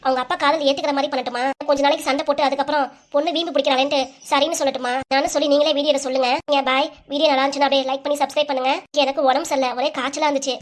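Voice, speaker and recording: A woman cartoon creator with a Kanyakumari Tamil accent, signing off to her viewers in a chatty, friendly way. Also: high-pitched. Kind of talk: casual sign-off to viewers.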